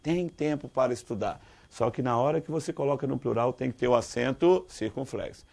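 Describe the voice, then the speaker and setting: Brazilian male teacher with a gravelly, creaky voice, quizzing students as he explains. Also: mid-range voice, fairly quick. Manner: lively, quizzes listeners with rhetorical questions; calls students "dear". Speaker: Portuguese teacher. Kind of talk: exam-prep grammar lesson.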